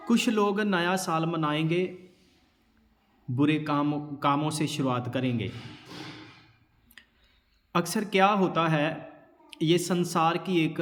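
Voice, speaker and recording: A man preaching a sermon as pastor, speaking deliberately and asking rhetorical questions to his congregation. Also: on the high side, long reverb tail.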